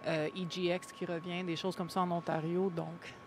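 A woman's voice: lowish voice, level tone, normal speed, a little hiss or hum. Talkative Québécois woman, casual answers. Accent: Québécois French. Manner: talkative, casual, many fillers. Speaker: guest, gaming media host.

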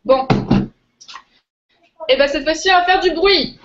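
High-voiced woman, casual demonstrator, muffled sound. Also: measured pace. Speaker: workshop host giving a cooking demonstration. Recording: muffled, lo-fi audio.

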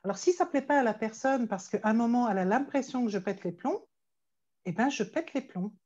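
A woman's voice: a little high, lively intonation, a little fast, a little mellow, highs cut off. A woman therapist talking frankly and animatedly in a conversation, often repeating her first words. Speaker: therapist and stress coach, guest. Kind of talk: conversational interview talk.

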